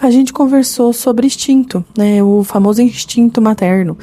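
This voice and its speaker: A woman's voice: on the high side, moderate pace, dark tone. A young Brazilian woman hosting a podcast, speaking candidly and reflectively about her own experience, often checking in with the listener. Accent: Brazilian Portuguese. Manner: candid, reflective, many "sabe?" and "né?" tags. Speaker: podcast host. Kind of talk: personal confessional podcast talk.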